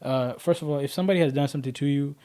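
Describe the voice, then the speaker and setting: A man's voice: medium pitch, very fast, warm tone. A man in his twenties, from Kenya, telling his personal story as a podcast guest in an earnest, rambling way with lots of fillers.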